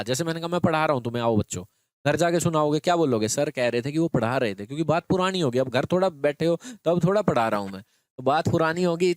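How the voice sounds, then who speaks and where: Guy teacher doing an exam grammar class, clear smooth voice kinda high, walks through it step by step, dry close sound. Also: no room sound. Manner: explains step by step, often checks in with students. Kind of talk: exam prep grammar lesson.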